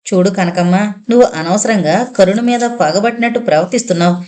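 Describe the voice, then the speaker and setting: A woman narrator voicing a kind, gentle orphanage warden in a spoken novel, with a coaxing, soothing manner. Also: medium pitch, fast, lightly acted.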